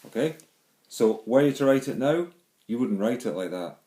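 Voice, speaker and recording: A middle-aged man from Glasgow speaks at a normal pace in a warm, medium-pitched voice with lively intonation and a Glaswegian accent. His home video monologue rambles, with many ums and restarts. He's from Scotland and is recorded on a handheld phone or camera in an echoey room.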